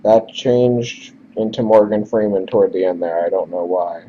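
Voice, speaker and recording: A let's play narrator with a low, mellow voice at normal speed casually reads the text of a game he's playing. He throws in sarcastic, offhand asides, and the lo-fi recording sounds dull with a faint hiss.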